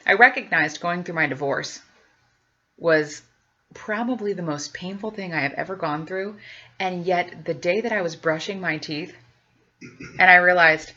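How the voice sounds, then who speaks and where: Woman, bright tense voice, animated testimony talk, acts out other voices, slightly muffled lo-fi recording. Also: on the low side, normal speed.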